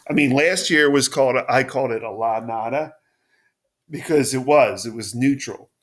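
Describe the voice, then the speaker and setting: Presenting an informal forecast over a map, a man speaks in a mid-range, slightly bright voice that is still froggy and hoarse. He stumbles along haltingly with many restarts.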